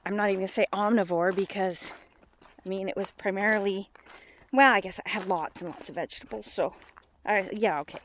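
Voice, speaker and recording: Holding her phone at arm's length, a middle-aged vlogger rambles candidly in a personal video, frequently questioning herself with emphasis. Her voice is mid-range, steady and brisk, and there's a little hiss or hum.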